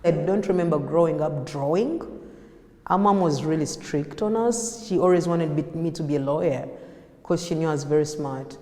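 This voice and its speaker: Woman artist, Ugandan accent, warm low-key delivery, interview recorded in an echoey hall. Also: moderate pace. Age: 30s. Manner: reflective, with frequent fillers and restarts. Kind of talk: personal interview storytelling. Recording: echoey room with long reverb.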